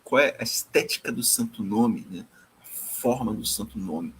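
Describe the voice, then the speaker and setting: A man's voice: fairly low pitch, moderate pace, fairly bright tone, slight background noise, poor audio. A man giving a devotional scripture commentary, tagging nearly every phrase with a questioning "né?" and often repeating words as he searches for phrasing. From Brazil. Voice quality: husky. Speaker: devotional teacher.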